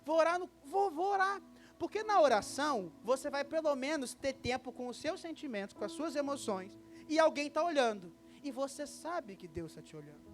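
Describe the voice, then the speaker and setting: A man with a Brazilian Portuguese accent preaching a sermon as pastor, lively and acting out short dialogues. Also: very high voice, moderate pace. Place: church service.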